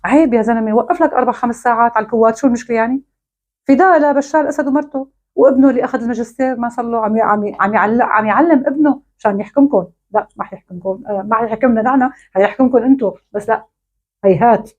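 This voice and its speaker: Brief: Syrian woman vlogger, quick and sarcastic, voice sits a little high. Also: a little mellow, dull audio. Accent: Syrian Arabic. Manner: mocking, scolding, ironic. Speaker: online commentator. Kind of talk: sarcastic monologue to camera.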